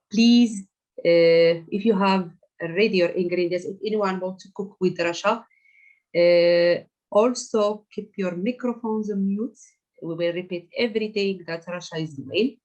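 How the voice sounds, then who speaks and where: A woman's voice: on the low side, rough recording. A woman hosting an online class, talking hesitantly with many fillers over a video call. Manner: hesitant, filler-heavy, encouraging. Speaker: class organizer.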